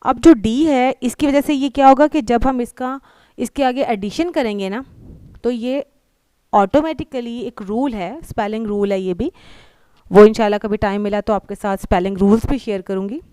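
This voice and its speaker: Woman, English tutor, smooth voice, dry close sound, patient, repeats words slowly. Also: on the high side, warm tone, no room sound. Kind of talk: grammar lesson explained in Hindi-Urdu with English examples.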